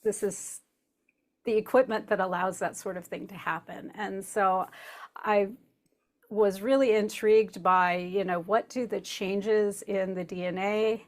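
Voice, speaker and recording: A woman's voice: medium pitch, steady tone, measured pace. Chatty woman telling her career story. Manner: chatty, laughs often, explains with asides. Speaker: podcast host as guest. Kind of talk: casual interview answers.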